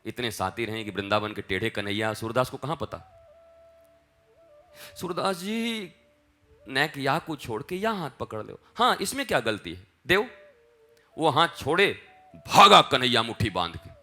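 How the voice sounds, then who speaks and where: Bright-voiced man telling a devotional tale. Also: medium pitch, big pitch swings, normal speed, long pauses, faint music behind. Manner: acts out dialogue in dialect, swings from hushed chant to loud calls. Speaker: spiritual teacher. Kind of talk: devotional storytelling sermon.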